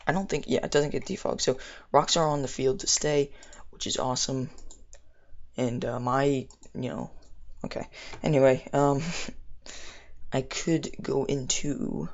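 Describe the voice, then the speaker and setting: A young man talks through his game in a loose, slangy ramble. His mid-pitched voice crackles with vocal fry and his speech is slightly impeded. The recording is muffled and lo-fi, with keys clicking as he plays. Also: little pitch movement, unhurried, long pauses. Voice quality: slightly impeded speech from orthodontic appliance in mouth. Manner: rambling, thinking aloud, slangy. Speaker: gamer narrating own battle. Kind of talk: casual live game commentary.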